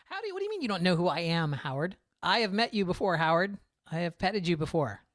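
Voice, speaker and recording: A man's voice: sits high, very animated, fast talker, a bit bright, no echo. A man hosting a casual live-stream podcast, chatty and upbeat as he plays listener calls. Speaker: podcast host.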